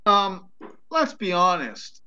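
A man's voice: sits high, wildly swooping pitch, slow, dull audio, background noise. A Canadian man chatting casually on a podcast, hesitant and full of ums and restarts, but blunt and profane.

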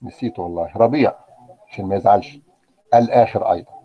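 A low, husky male voice with an Egyptian Arabic accent leads a live language class. He talks to the students in a relaxed way and keeps checking in with them. The recording is dry and a little muffled. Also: quick pace, dry recording. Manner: conversational, checks in with "okay?" and asks the class questions. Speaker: language teacher. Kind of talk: live online grammar lesson.

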